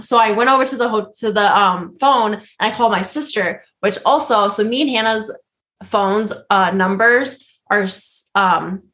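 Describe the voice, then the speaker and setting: A young woman hosting a podcast, telling a story in casual chat, rambling and animated, laughing often. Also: medium pitch. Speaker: podcast host.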